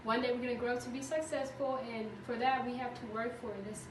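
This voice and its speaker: A woman's voice: fairly high pitch, steady tone, fast talker. A young woman interviewing, chatty and filling her speech with "like.". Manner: chatty, says like a lot. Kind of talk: casual interview. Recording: echoey room, distant mic, noisy.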